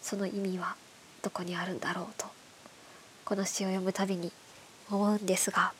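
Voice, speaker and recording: A woman with a stuffed-up, nasal voice from hay fever, hosting a bedtime radio show in soft, breathy, casual chat that often drops toward a whisper. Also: medium pitch, little pitch movement, brisk. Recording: clearly audible background hiss.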